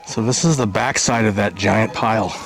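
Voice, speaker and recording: A man vlogging while climbing a steep hill outdoors, short of breath, talking in halting bits with pauses as he thinks aloud. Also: fairly low pitch, poor audio. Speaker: vlogger exploring ruins. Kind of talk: hiking vlog narration. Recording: outdoor wind and ambient noise.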